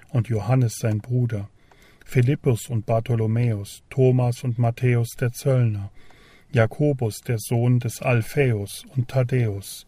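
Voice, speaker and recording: A man giving a slow, solemn, measured reading of a Gospel passage aloud. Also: mid-range voice, warm tone, breathy edge, dry recording. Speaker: scripture reader.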